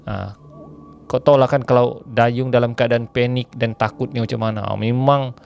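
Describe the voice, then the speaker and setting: Guy telling a spooky story, chatty, explains slang, a bit of fry in his voice. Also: mid-range voice, steady tone, moderate pace, a little mellow, soft background music. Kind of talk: casual ghost-story telling.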